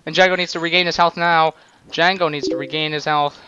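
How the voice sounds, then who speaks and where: A man's voice: a little high, fairly even intonation, fairly quick, dull audio, background noise. A young man calling play-by-play game commentary over a voice chat, with a voice that cracks and frequent coughing.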